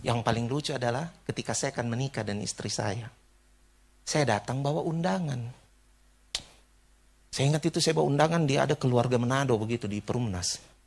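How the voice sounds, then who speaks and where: A man from Indonesia preaching a sermon, an animated storyteller who imitates people and laughs along. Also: medium pitch, a little fast, creaky, long pauses. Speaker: pastor.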